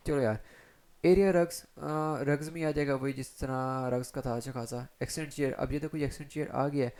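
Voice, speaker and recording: A man teaching SEO in a chatty screen-share tutorial, talking straight to viewers and filling pauses with short check-ins. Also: mid-range voice, steady tone, darkish tone. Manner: chatty, addresses viewers directly with frequent fillers. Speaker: SEO instructor.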